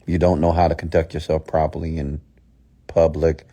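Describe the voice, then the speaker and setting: A man with a very low voice delivers a motivational mindset talk. He is blunt and scolding, hammering points home through repetition. Rhetorical questions are thrown straight at his listeners. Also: completely flat delivery, normal speed, warm tone. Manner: emphatic, repeats phrases and poses rhetorical questions. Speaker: motivational speaker and host.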